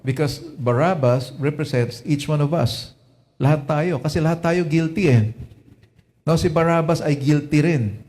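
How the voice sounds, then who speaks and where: A man's voice: on the high side, measured pace, darkish tone. Filipino man preaching in Taglish. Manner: Taglish, frequent "no?" and "di ba?" tag questions. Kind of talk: Lenten sermon.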